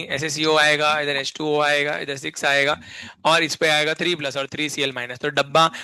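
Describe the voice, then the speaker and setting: A chemistry teacher gives a classroom lecture in a slightly high, bright, forceful voice, recorded with a dry, close sound. He keeps firing repeated questions at the class to quiz them and drills mnemonics in a playful sing-song.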